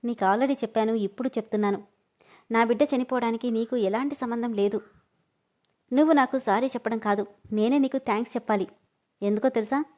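A woman's voice: a little high, brisk, pauses often, close to an everyday voice. A woman voicing a chatty, consoling sister-in-law. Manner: talkative and consoling, gently scolding. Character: caring older sister-in-law, chatty, scolding kindly.

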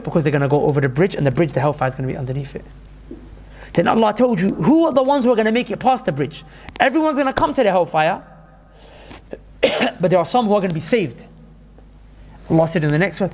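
A man's voice: sits high, slight background noise. A man giving an urgent, emphatic sermon, repeating points for stress. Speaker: preacher.

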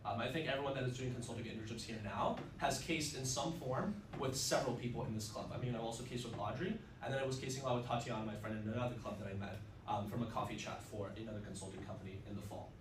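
A young adult man whose first language is Russian gives an upbeat, chatty student club presentation packed with fillers, speaking fast with hardly any pauses in a mid-range voice with fairly even intonation. He's filmed by a far camera from across a mid-sized indoor classroom, so the sound is roomy and distant with faint ambient noise.

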